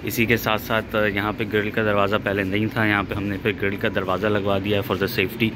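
A middle-aged man walking a camera around his rooftop and describing the planned renovation in a relaxed, enthusiastic way, pausing often to think. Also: lowish voice, noisy background. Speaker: vlogger showing a rooftop renovation. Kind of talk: casual walkthrough narration. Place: rooftop of a house, outdoors.

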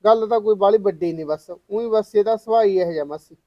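A man plays a young village brother who agrees eagerly and pleads with his sulking sister. His voice is high and quick. It sounds dry and close. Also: dark tone, no room sound, highs cut off, close to an everyday voice. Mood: pleading.

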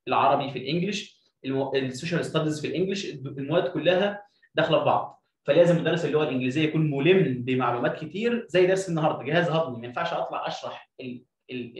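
A man's voice: on the high side, roomy sound, far from the mic, poor audio. A man with an Egyptian Arabic accent teaching an English lesson, drilling pronunciation by repeating sounds. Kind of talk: video lesson.

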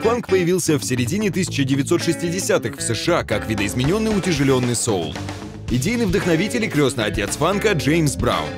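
A man's voice: on the high side, sing-song, quick pace. A man narrating a scripted television voice-over. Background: music with guitar.

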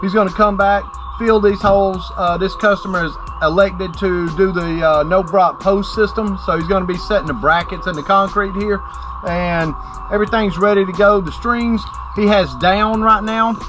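Middle-aged male presenter, higher-pitched voice, plain-spoken step-by-step instruction outdoors, music bed underneath. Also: fairly even intonation, normal speed. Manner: plain-spoken, explains step by step, addresses viewers directly. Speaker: company presenter. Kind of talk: outdoor how-to demonstration. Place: outdoors by a driveway on a sunny rural property.

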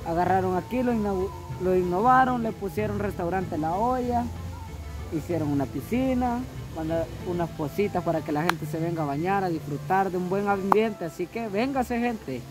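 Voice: mid-range voice, moderate pace, rough recording. Salvadoran speaker with music behind. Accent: Salvadoran Spanish. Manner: informal storytelling. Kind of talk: casual invitation to viewers.

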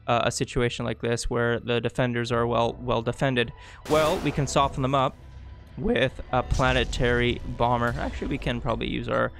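Man, casual gameplay tutorial, rambling and self-correcting, mid-pitched voice, faint game music behind. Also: a bit bright. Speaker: gameplay guide host.

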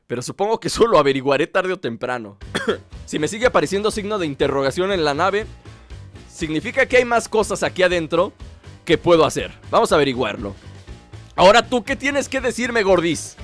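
High-voiced man commentating gameplay. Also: sing-song, a little fast, faint music behind. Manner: joking, mock-villainous, shouts during fights. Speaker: gameplay streamer. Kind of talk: gameplay commentary with playful in-character taunts.

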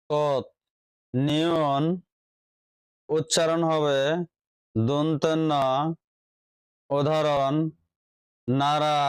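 Male teacher, scripted lesson narration, measured and deliberate, slightly higher voice, dry close recording. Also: clean tone, no echo, poor audio. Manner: slow, measured dictation of rules and examples. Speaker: language teacher.

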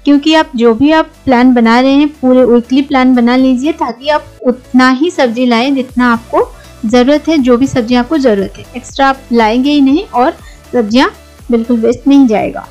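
Advising woman, high voice, soft music. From India. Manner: friendly, advising, mixes English words into Hindi. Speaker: home cooking channel host. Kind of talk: voice-over kitchen tips. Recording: soft music bed behind voice-over.

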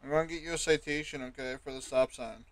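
A man's voice: medium pitch, fairly even intonation, quick pace, no echo. A man improvising as a police officer in game role-play, speaking matter-of-factly.

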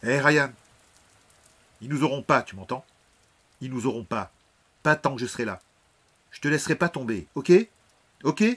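A determined teenage boy takes charge of his frightened twin with a firm, commanding voice, as a man puts him on for an audiobook. The voice sits higher and louder than the narration, with a husky edge. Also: lively intonation, brisk.

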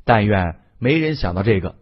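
A man narrating an audiobook voices a cheerful, eager young male companion who talks quickly. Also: fairly low pitch, expressive, highs cut off.

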